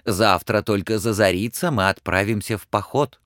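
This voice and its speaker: A man's voice: on the low side, normal speed, a bit bright, no echo, clean studio sound, natural voice. A man voicing a kind, wise little humpbacked horse in a storybook reading, coaxing and soothing. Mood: advising.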